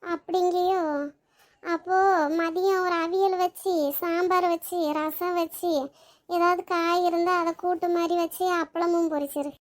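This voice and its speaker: A woman's voice: very high voice, level tone, unhurried. A woman voicing a bossy, quarrelsome old mother-in-law in a cartoon, speaking. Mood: scolding. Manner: scolding, demanding, picks fights.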